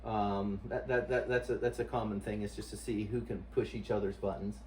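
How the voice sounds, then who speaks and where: A man with a fairly low voice gives casual interview answers as a husband. He speaks haltingly, often repeating words while he looks for the next one. The mic is some way off, with a little background noise. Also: flat delivery. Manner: hesitant, searching for words, repeating himself. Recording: distant mic, noisy room ambience.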